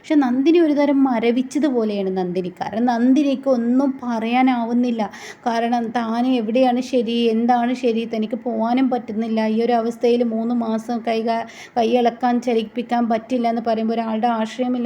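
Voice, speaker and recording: A woman's voice: on the high side, fairly even intonation, moderate pace, mellow. A woman casually retelling a TV serial episode in a chatty way, in a dull lo-fi recording. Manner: chatty, with a tag word after many sentences. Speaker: serial recap storyteller. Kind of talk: casual story recap.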